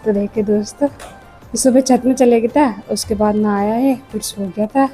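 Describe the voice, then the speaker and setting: A woman's voice: on the high side, steady tone, normal speed, mellow, faint music behind, rough recording. A young woman chatting casually to her viewers while she cooks at home. She is hot and itchy from the heat and keeps calling her audience "friends". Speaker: home vlogger. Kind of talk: casual home cooking vlog narration. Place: home kitchen. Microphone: clip-on mic.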